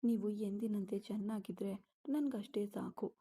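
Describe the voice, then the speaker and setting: A woman voicing a heartbroken young pregnant wife, read softly in a storybook style. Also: mid-range voice, fairly even intonation, a little slow, husky. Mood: sorrowful.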